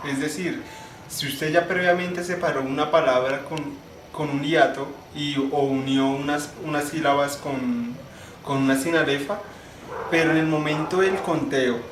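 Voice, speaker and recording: A young man giving a class presentation, explaining step by step, restarting phrases and slowing down to spell out syllables. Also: a little high, steady tone, a bit bright. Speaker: student presenter. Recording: echoey room, faint ambient noise.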